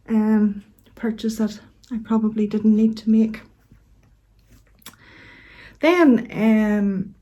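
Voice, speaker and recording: A woman in middle age speaks with a Northern Irish accent in a soft-toned, mellow voice. She chats casually to her viewers in a gentle, unhurried way, pausing as she finds her words. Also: medium pitch. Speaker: knitting vlog host. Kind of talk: casual chat to camera.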